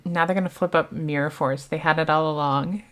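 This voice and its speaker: A woman's voice: low voice, fairly even intonation, normal speed, fairly bright tone. A woman with a Southern US accent doing casual live commentary on a card game tournament, chatty and thinking aloud as she answers viewers' questions.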